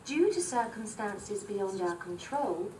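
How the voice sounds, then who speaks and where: Woman's distant PA loudspeaker announcement. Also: medium pitch, sing-song, a little hiss or hum. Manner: measured, repetitive and formal. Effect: fire alarm announcement over a building PA loudspeaker. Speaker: recorded building announcement. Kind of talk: formal public address announcement. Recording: distant PA speaker heard from across a hearing room.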